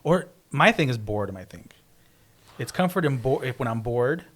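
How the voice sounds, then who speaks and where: A man's voice: medium pitch, animated, moderate pace, fairly bright tone. Teasing chatty man on a podcast. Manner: teasing, rambling with restarts. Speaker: podcast co-host. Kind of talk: casual chat.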